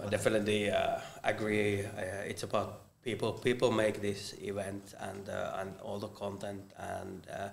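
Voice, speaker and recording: Man, low voice, roomy. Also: flat delivery, normal speed, gravelly, hardly any pauses, a little hiss or hum. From Finland. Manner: hesitant, many fillers. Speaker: guest panelist. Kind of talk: casual panel chat. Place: live conference venue. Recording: roomy live event recording.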